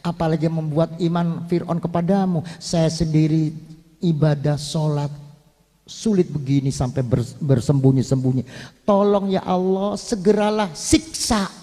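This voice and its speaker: A man voicing a devout, tearful woman who prays softly and slowly, pleading. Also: a little high, voice pushed down. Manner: soft, slow, pleading prayer. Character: devout, tearful praying queen, gentle woman. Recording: reverberant hall.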